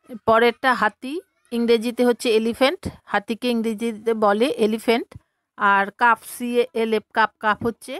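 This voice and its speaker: A woman teaching a vocabulary lesson, slowly repeating each word and spelling it out letter by letter. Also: a little high, no room sound. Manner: slow, repetitive, spells words letter by letter.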